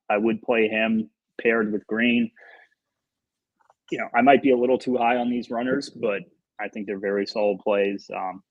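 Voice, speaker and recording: A man with a lowish voice rambles through fantasy football picks, leaning on fillers as he talks. The recording is dry and a bit muffled. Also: no room sound. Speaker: DFS analyst co-host. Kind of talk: casual podcast chat.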